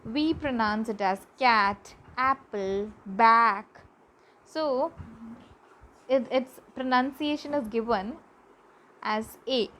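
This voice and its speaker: A woman teaching a class, slowly repeating words for pronunciation practice. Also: a little high, poor audio. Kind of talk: classroom lesson. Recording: faint background noise.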